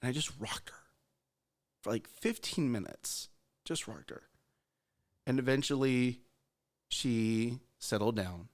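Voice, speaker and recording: Talking directly to his listeners, a morning show co-host in his thirties tells an earnest, repetitive story about his own parenting. He speaks slowly in a medium pitch and pauses often.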